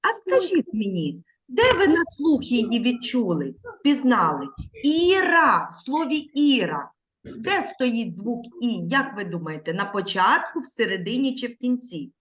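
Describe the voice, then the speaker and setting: A woman teacher leads small children through an online lesson. She talks slowly and patiently with a lively, rising and falling pitch. Her voice sits a little high and comes through a video call. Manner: slow, patient, coaxing tone with children.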